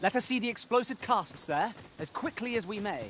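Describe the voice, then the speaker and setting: A man's voice: sits high, animated, fairly quick, fairly bright tone, a little hiss or hum. A man voicing a loyal, courteous fantasy game companion with formal, archaic and earnest delivery over music. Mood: earnest, dutiful. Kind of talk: video game voice acting.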